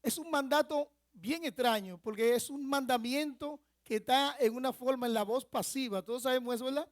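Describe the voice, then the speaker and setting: A man's voice: very high voice, moderate pace, dry recording, clean studio sound. A male pastor from the Dominican Republic preaching a sermon in a church, explaining a word and asking the congregation questions. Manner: teaching with rhetorical questions to the congregation. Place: church sanctuary.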